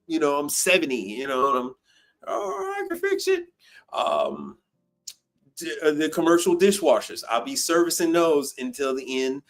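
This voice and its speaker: A man's voice: fairly high pitch, a bit bright. A man in his fifties hosting a casual call-in live stream, blunt and profane, often repeating himself for emphasis. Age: 50s.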